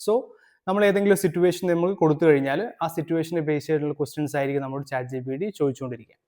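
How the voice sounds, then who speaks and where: A man from Kerala hosting a language tutorial, explaining steps steadily and reading his English prompts out slowly. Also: on the high side, fairly even intonation, darkish tone. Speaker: English teacher, channel host.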